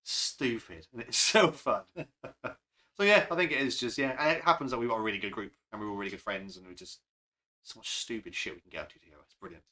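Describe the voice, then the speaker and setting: Man, bright voice, casual rambling chat, self-deprecating, game master. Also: lowish voice, quick pace.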